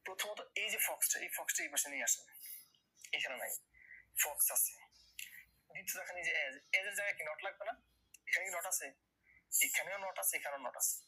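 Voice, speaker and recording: Male teacher with a Bangladeshi accent, very bright, husky tone, repeats key words, tinny phone-like recording. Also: a little high, brisk, long pauses. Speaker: English grammar teacher. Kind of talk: classroom lecture.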